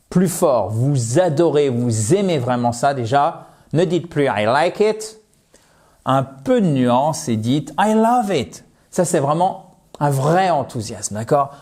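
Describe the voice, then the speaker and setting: Male English tutor, deliberate slow delivery, joking asides, repeats words for learners. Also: fairly high pitch, a little mellow. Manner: playful, jokey asides, repeats words slowly. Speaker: English teacher. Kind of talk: online language lesson.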